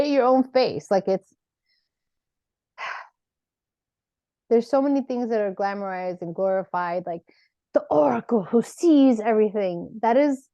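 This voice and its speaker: A woman's voice: mid-range voice, darkish tone, no echo, muffled recording. Earnest woman musing on spirituality. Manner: earnest, rambling, peppered with "like" and "right?". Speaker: actor and author, podcast guest. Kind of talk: reflective spiritual conversation.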